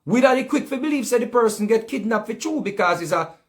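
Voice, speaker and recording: A man with a Jamaican accent delivers casual but heated commentary in patois, repeating himself often. His voice is very high-pitched, animated and brisk.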